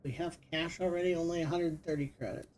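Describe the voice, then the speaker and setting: A man's voice: a little high, fairly even intonation, quick pace, darkish tone, slight background noise. A middle-aged man giving casual commentary while he plays, thinking aloud with lots of fillers. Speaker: gaming streamer.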